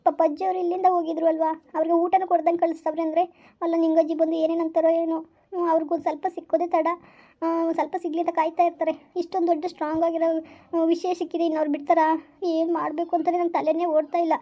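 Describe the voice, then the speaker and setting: A woman's voice: very high-pitched, little pitch movement, fast, muffled recording. A young woman in a scripted family drama, pleading and hurt, repeatedly begging her husband to understand her. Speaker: wife in a family skit.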